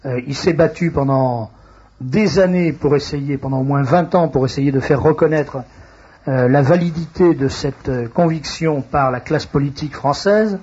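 A man with a husky, slightly rough voice hosts a radio talk show, reading out announcements and stopping often to hesitate. The recording is dull and lo-fi. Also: a little high, a little mellow. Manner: halting, frequent hesitations. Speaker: radio host.

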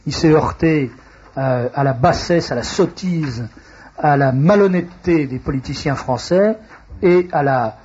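A man hosting a radio talk show, reading announcements in a halting way with frequent hesitations. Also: a little high, darkish tone, slight background noise. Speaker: radio host. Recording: dull lo-fi radio recording.

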